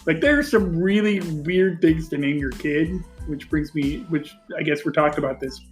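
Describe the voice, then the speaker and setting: A man co-hosting a casual podcast, rambling and excitable, with faint music underneath. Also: on the high side, normal speed. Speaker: podcast co-host. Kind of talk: casual chat.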